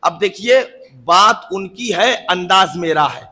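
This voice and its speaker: A man delivering a majlis sermon, moving between soft asides and loud shouted climaxes, joking with his audience. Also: high-pitched, husky. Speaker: cleric giving a majlis sermon. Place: religious hall, live broadcast.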